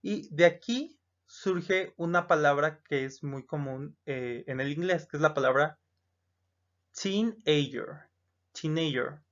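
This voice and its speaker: In a recorded lesson, a teacher with a Mexican Spanish accent patiently says each English number aloud, repeats it, and checks in with "¿no?" and frequent "eh." The mid-range voice is fairly bright and unhurried with hardly any pauses, captured in a slightly dull lo-fi recording.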